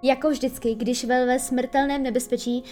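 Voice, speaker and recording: A woman narrating a children's storybook in a lively, expressive way. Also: sits high, faint music behind. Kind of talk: storybook reading.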